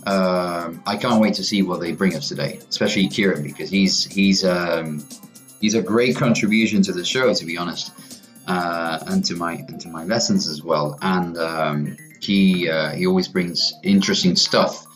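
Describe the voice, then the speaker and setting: Guy hosting school radio, deep and slow, lots of hesitating, music behind. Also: a bit bright. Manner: halting, hesitant, searching for words. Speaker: radio host and teacher. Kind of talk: unscripted radio presenting.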